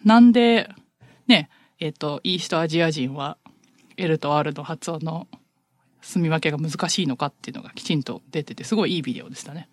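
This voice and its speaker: A woman chatting casually as a podcast co-host, telling animated stories and laughing often. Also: low-pitched, a little fast, dry recording. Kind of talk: casual chat.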